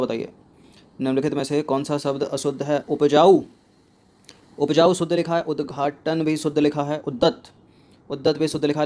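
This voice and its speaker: A man's voice: fairly high pitch, a little mellow. Man quizzing students on Hindi spelling. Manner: repeats each word, asks and answers his own questions. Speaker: exam coaching teacher. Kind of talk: spelling quiz lesson.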